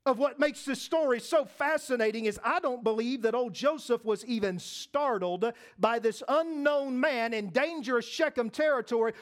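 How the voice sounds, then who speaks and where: A man preaching a sermon in church, impassioned and storytelling, swinging from hushed appeals to shouts. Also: very high voice. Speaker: pastor.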